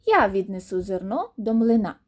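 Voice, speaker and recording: A woman voicing a patient, hardworking rooster in a storybook tale, calling out loud and earnest. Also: medium pitch, sing-song, normal speed, pitched below the performer's own voice.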